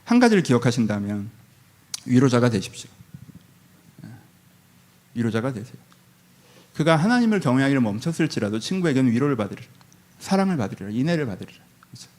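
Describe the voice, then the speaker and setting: A man's voice: mid-range voice, very animated, fast talker, long pauses, a little mellow. A man preaching a sermon as a pastor, talking to the congregation in a casual, conversational way and acting out everyday family conversations. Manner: conversational, acts out quoted family talk. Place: church sanctuary.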